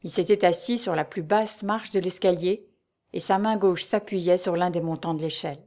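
A woman narrating a historical adventure novel aloud in a measured, even storytelling voice. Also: fairly low pitch. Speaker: audiobook reader. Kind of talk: scripted narration.

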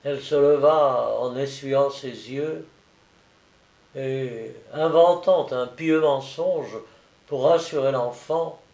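A man narrating a novel in a measured, deliberate storytelling manner. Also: medium pitch, a little mellow, echoey room. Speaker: audiobook narrator.

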